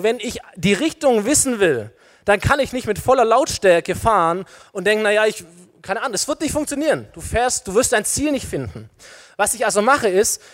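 A man with a rather high voice delivers a sermon, turning to his listeners with questions and everyday examples. His voice carries a long reverb from a large hall. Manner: lively preaching with illustrations, addresses listeners directly. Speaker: preacher.

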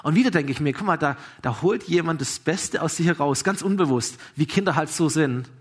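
Brief: male pastor with a fairly high voice, preaching and storytelling, swings between emphatic and hushed. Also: fairly quick, breathy edge. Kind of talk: sermon with storytelling.

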